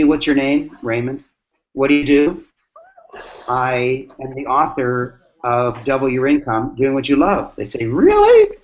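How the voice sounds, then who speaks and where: A man hosting a mastermind talk, answering questions with lively acted-out stories and emphatic repetition. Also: medium pitch. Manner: animated, acts out dialogue, repeats lines for emphasis. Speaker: host. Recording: dull lo-fi sound.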